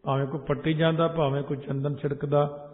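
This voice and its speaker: A Punjabi-accented man preaches a sermon, chanting scripture slowly before explaining it plainly. His voice sits on the higher side. It comes through a tinny, phone-like line with a long hall echo. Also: level tone. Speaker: Sikh preacher expounding scripture. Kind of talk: sermon with sung verses.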